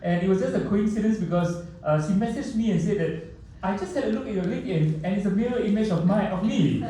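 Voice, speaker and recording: A man's voice: high voice, lively intonation, quick pace, mellow. A man, an international lawyer, giving a friendly short speech with fillers and laughs. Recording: roomy hall from far off.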